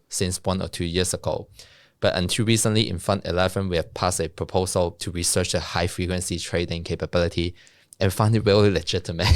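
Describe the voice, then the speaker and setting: Laughing frequently and poking fun at himself, a young software developer and co-founder from Hong Kong describes his work as an interview guest. A native Cantonese speaker, he has a Hong Kong accent and a low voice, with no room sound in the recording.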